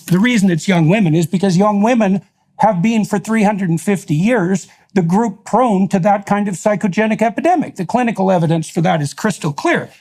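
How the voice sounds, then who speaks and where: A man's voice: sits high, a little mellow. A man hosting an interview, making his case emphatically in long, run-on sentences. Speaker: podcast host. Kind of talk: heated interview conversation.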